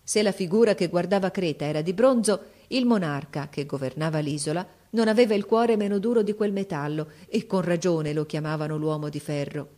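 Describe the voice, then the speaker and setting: A woman narrating a storybook tale in a measured, expressive reading. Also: on the low side.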